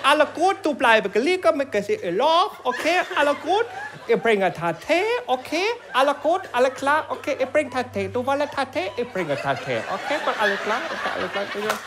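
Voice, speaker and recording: A man's voice: very high voice, very animated, normal speed, crowd noise, background noise, pitched above the performer's own voice. A man voicing a hectic female Thai masseuse who speaks broken German and keeps repeating okay. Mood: fussy.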